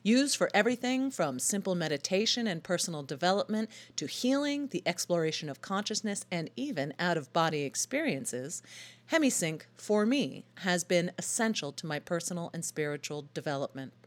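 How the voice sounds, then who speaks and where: A woman's voice: fairly low pitch, very animated, normal speed. Lady hosting a little radio segment, voice jumps all over, dry humor but really into it. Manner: wry, enthusiastic storytelling. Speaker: radio feature host. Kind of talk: scripted radio feature narration.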